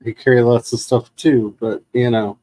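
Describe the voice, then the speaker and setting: A man's voice: mid-range voice, steady tone, moderate pace, mellow, dry recording. A man hosting a casual gaming stream, chatting in wry, rambling asides. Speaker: livestream host. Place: room shared with second speaker.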